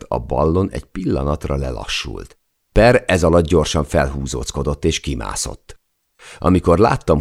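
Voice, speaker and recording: A man narrates an audiobook in the first person, measured and steady. His voice sits extremely low with a gravelly edge. The reading is calm and deliberate throughout.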